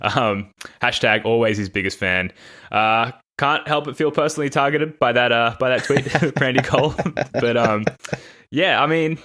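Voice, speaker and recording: A man's voice: mid-range voice, normal speed, pushed and bright. An Australian man hosting a casual sports podcast, rambling and self-deprecating, laughing now and then. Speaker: podcast host.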